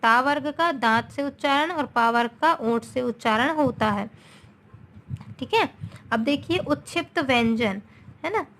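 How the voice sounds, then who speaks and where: A woman with a high voice teaches a grammar class at a slow, patient pace. She repeats each sound for her students and keeps checking they follow. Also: fairly bright tone. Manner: mixes in English words.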